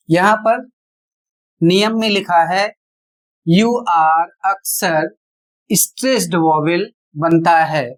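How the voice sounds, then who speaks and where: A teacher giving a spoken pronunciation lesson, spelling words out letter by letter and explaining each rule step by step with rhetorical questions. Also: medium pitch. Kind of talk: classroom-style spoken lesson.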